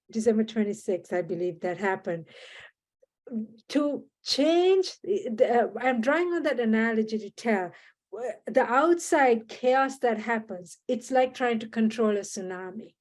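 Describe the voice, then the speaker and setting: Earnest Sri woman, slightly high. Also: animated, darkish tone. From Sri Lanka. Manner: earnest, measured, with frequent restarts and fillers. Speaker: guest. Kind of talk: reflective podcast conversation.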